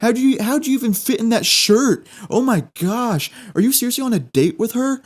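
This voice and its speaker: A man's voice: extremely high pitch, expressive, normal speed, pitched above the performer's own voice. A man voicing a crude, mocking male heckler who throws out taunting jibes.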